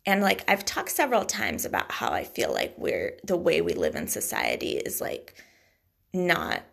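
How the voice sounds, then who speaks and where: A young woman chats on her own podcast in a loose, rambling way, filling pauses with fillers as she thinks aloud. Her voice is heavily gravelly and breathy, and her pitch swings widely from low to high. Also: huge pitch swings. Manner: rambling and hesitant, many fillers. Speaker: podcast host. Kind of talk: casual solo podcast chat.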